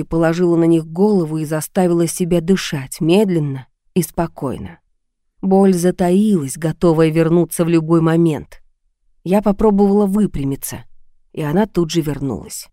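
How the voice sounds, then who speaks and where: A woman narrating a novel in first person at a measured, even pace. Her voice sits low and mellow, recorded close and dry. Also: dry recording. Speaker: audiobook narrator.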